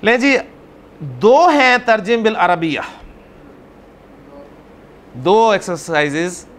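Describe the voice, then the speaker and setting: A man teaching an Arabic grammar class, explaining patiently, calling on students by name and repeating words slowly. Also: high voice, lively intonation, a bit bright, slight background noise.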